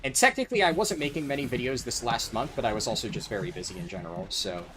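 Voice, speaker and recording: A man's voice: medium pitch, animated, fast talker, pushed and bright, a little hiss or hum. A man chatting casually and sardonically as he commentates on his gaming livestream. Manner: sardonic, sweary. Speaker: live streamer, speedrunner.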